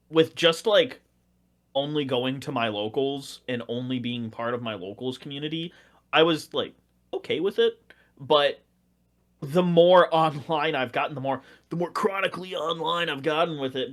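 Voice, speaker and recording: A man's voice: mid-range voice, a bit bright. A young man chatting as a podcast guest, rambling with many likes and restarts. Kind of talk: casual chat.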